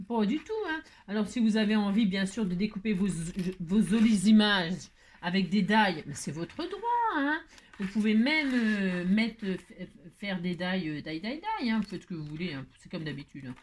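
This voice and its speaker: A woman with a medium-pitched voice and lively intonation hosts a casual card-making tutorial at a moderate pace. She chats and jokes while she works, dropping lots of "hein" asides and playing up a theatrical, self-mocking exasperation.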